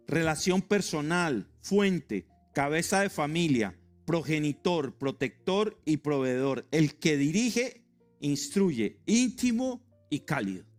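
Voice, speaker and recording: A middle-aged man preaching a sermon to his congregation, emphatic and joking, spelling out words for them. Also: fairly high pitch. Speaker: pastor. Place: church sanctuary.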